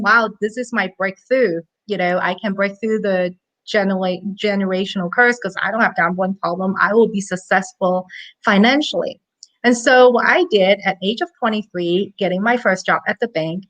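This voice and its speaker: Woman in her thirties from Hong Kong, money-coach guest, earnest and chatty, medium pitch. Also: a bit bright, rough recording. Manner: earnest, chatty, with light laughs. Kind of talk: casual interview storytelling.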